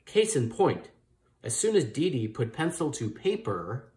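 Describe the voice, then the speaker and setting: A man reads his own children's book aloud at an ordinary middle pitch. His storytelling is upbeat and expressive, and he gives the characters' lines a little lift. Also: measured pace. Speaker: book co-author.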